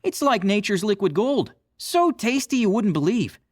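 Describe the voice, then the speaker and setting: In scripted character dialogue, an actor voices an over-polite, apologetic Canadian teen stereotype under a spell, using a Canadian accent. The medium-pitched voice is very animated at a moderate pace, eager yet hesitant, constantly apologizing and tagging sentences with "eh." It's studio quality with no room sound.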